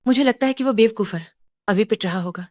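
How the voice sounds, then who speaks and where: A woman's voice: mid-range voice, brisk, a little mellow, a little hiss or hum, natural voice. A woman voicing a spiteful, taunting relative. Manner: taunting, accusing. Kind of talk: Hindi dub of a drama.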